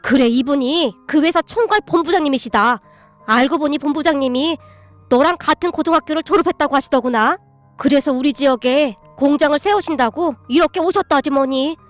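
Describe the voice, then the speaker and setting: A woman's voice: high voice, fairly quick, faint music behind, close to an everyday voice. A woman voicing a fawning older father and landowner in a storybook reading. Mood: proud. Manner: fawning, effusive.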